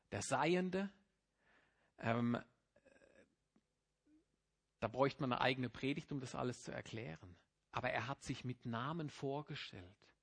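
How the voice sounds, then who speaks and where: A middle-aged pastor preaching a sermon, explaining patiently and then rising into emphatic passages. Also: male voice, mid-range voice, creaky, husky.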